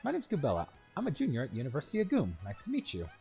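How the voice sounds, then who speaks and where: A man's voice: on the high side, wildly swooping pitch, racing, a little mellow, faint music behind. A man reading aloud as a young female goomba student in a video game, chatty and sarcastic. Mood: snarky.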